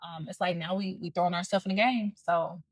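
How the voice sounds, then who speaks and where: A woman's voice: on the low side, steady tone, a little fast, dry recording. A young adult woman, a comedian guest in a casual interview, upbeat but nervous and loose, with a rambling way of talking.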